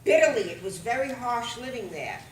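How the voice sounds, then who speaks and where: A woman telling a comic story, animated and lively, with bursts of loud exclamation. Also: fairly high pitch, normal speed, slight background noise. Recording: roomy and far from the mic.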